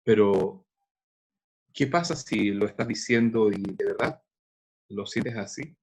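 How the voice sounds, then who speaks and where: A man's voice: lowish voice, slow pace, darkish tone, breathy edge. A middle-aged man gives a university lecture in a conversational way, working through examples with frequent hesitations. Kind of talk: recorded lecture on neuropsychology.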